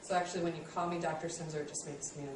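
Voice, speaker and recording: A woman's voice: low voice, flat delivery, racing, background noise. A woman in her late thirties teaching a class, friendly and self-deprecating, with many ums. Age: 30s. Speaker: college instructor. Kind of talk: classroom lecture. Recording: echoey classroom from far off.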